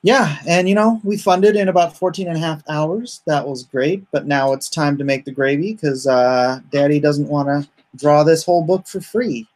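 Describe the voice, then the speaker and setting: A comic artist hosts a livestream, his man's voice pitched on the high side with a darkish tone. He talks at a normal speed with few pauses, chatting casually and reading viewer comments aloud in a rambling, joking manner.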